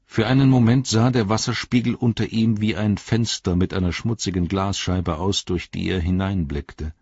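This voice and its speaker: A man narrating a fantasy audiobook in a measured, expressive storytelling manner. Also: on the low side, husky, no echo, dull audio.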